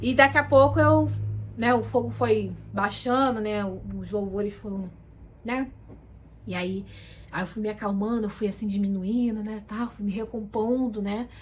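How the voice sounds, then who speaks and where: A woman's voice: medium pitch, fairly even intonation, moderate pace, a little hiss or hum, poor audio. A woman giving an emotional personal testimony to her viewers in a casual, repetitive way, calling out to them often. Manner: self-described shy and soft-spoken. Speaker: vlogger giving a religious testimony.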